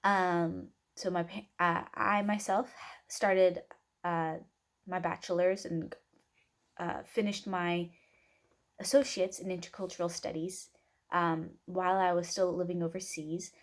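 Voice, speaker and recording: A woman's voice: fairly low pitch, little pitch movement, unhurried. A woman in her twenties from Oregon, introducing herself as a student in a casual, rambling way with many fillers. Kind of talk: casual self-introduction video.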